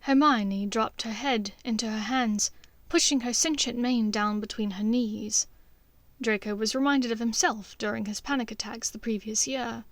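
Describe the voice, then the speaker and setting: As an audiobook narrator, a woman reads scripted fiction in a measured, expressive storytelling manner. Her pitch is fairly high, and there's no echo.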